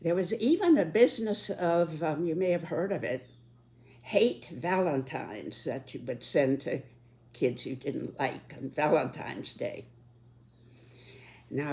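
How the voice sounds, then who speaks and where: Very old American woman, nineties, low-pitched mellow voice, halting and deliberate, reflective monologue. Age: 90s, very old. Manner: measured, deliberate, halting elderly delivery. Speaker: speaker giving personal reflections.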